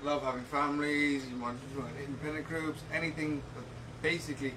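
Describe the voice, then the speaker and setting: A man's voice: a little high, level tone, brisk. A man who works as a yacht captain, talking casually and jokily about the boat and his sailing life, often repeating words. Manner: easygoing, jokey, repeats words. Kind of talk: casual interview. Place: aboard a catamaran. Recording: distant mic with background noise.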